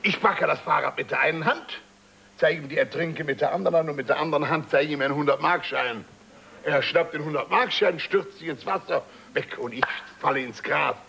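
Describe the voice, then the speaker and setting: A man's voice: on the high side, brisk, vocal fry, sharp tone, breathy edge, heavily acted. An actor playing a boastful middle-aged man who can't swim, telling a tale sheepishly and dramatically in a 1960s comedy record. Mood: fond. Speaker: comic storyteller.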